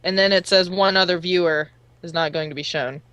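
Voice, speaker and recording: A co-host on a live stream chats casually and reads viewer messages aloud. The voice is bright and sharp, recorded close and dry with no room sound. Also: medium pitch, steady tone, fairly quick, clean tone, no room sound.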